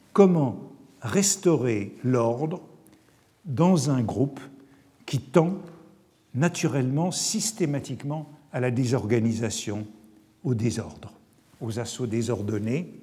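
A man delivers a university-style lecture, unhurried and reflective, pausing on asides as he comments on passages he reads aloud. His voice is dark and mellow. The sound carries a long reverb from a large hall. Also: medium pitch. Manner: measured, reflective, with hesitations and asides. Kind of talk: academic lecture reading from wartime texts.

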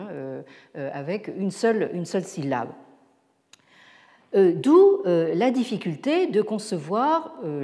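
A woman giving an academic lecture, halting often with fillers and restarts as she searches for words. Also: lowish voice, dark tone. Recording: long hall reverb.

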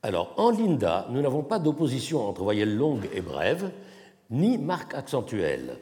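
Male academic lecturer, animated pitch, mid voice, long hall reverb on a lectern mic. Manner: measured, explanatory, demonstrates tones by voice.

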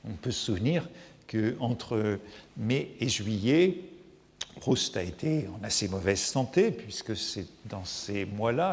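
A middle-aged man, a literature professor, giving a public lecture in a large hall, speaking slowly with many hesitations and raising his voice when he quotes a text. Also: on the low side, darkish tone. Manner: slow, hesitant, many fillers, lifts voice for quotations. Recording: long reverb of a lecture hall.

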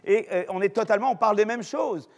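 An older French-accented man teaches a university class, with a fairly high voice for a man. He talks in a loose, chatty way and often restarts his sentences with fillers. A long hall reverb trails after his voice. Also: fast talker. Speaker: professor lecturing. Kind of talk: university lecture. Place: lecture hall.

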